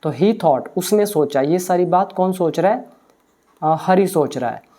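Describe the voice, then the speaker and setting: Explaining a story line by line in a blend of Hindi and English, a female English teacher speaks in a lowish, warm, expressive voice. She translates every English phrase with patience, frequently pausing on hesitation sounds.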